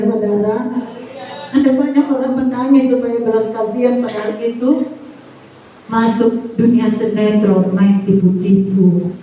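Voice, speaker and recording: A woman preaches with fervour, her high voice sweeping through a big, echoey church hall. She sounds a little far from the microphone, and the recording is dull and muffled, with faint noise underneath. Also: warm tone. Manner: emphatic, calls out to the congregation. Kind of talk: sermon.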